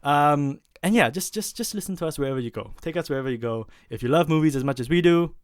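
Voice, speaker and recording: A man's voice: a little high, lively intonation, fast, clean tone, no echo, clean studio sound. A man hosting a podcast in casual chat, rambling and correcting himself as he goes. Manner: rambling, with many fillers and self-corrections. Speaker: podcast host.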